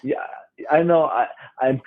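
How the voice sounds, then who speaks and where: A man's voice: a little high, sing-song, unhurried, gravelly. A young man in his twenties from France, a podcast guest, talking hesitantly with many restarts. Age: 20s. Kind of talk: casual interview chat. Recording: tinny phone-like line.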